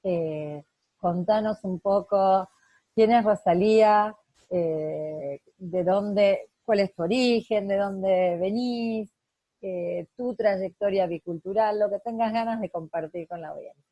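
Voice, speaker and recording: A woman co-hosts a casual podcast and asks questions in a halting way, often pausing on small fillers. Her voice is mellow and sits at an average pitch. It is recorded close and dry, with no room sound. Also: no room sound, muffled recording. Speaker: podcast co-host.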